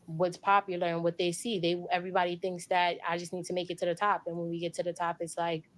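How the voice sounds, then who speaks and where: A woman's voice: lowish voice, completely flat delivery, fast talker. Earnest woman sharing opinions. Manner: earnest, opinionated, many fillers. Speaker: podcast guest. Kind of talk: casual discussion.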